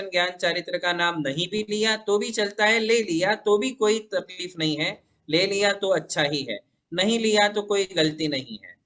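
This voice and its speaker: A man's voice: high-pitched, sharp tone. A man, a Jain monk, answering devotees' questions in a patient, reassuring, explanatory way. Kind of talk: religious question-and-answer teaching.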